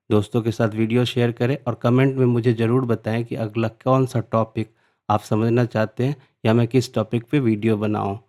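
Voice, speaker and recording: A man with a mellow, darker voice teaches an online lesson in relaxed teacher talk. He pauses on fillers and restarts. He reads the English definitions slowly and word by word, as if students were copying them down. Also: mid-range voice. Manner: slow dictation-style reading of English definitions. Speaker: teacher and channel host. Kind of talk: explainer lesson in Hindi-English mix.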